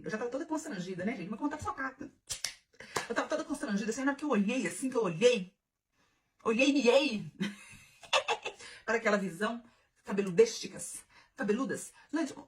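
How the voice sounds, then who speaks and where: A woman, telling a bawdy personal story in an animated, giggly, confiding way. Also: fairly high pitch, fairly quick, long pauses, slight background noise. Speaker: vlogger.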